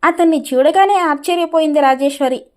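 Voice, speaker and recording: High-voiced woman narrating a story. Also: fairly quick.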